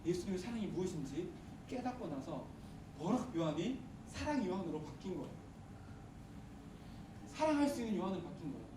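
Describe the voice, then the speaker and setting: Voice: medium pitch, sing-song, a little fast, long pauses. A youth pastor preaching a retreat sermon, quizzing the congregation and acting out angry quotes. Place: retreat worship hall. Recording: echoey hall, distant mic, faint hiss.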